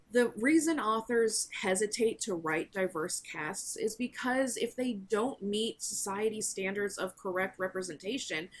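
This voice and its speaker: A woman reading a scripted talk to camera in an earnest, advice-giving way. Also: medium pitch. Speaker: author video creator.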